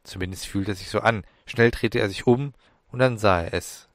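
A man narrates a fantasy story in a measured, dramatic reading. His voice sits on the low side, recorded close on a studio mic with a dry, deadened sound. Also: no room sound. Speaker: audiobook narrator.

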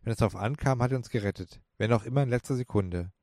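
A man voicing a tough, brisk young woman in a storybook reading, barely changing his voice. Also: mid-range voice, mellow, no echo, clean studio sound, close to an everyday voice. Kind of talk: storybook character voice.

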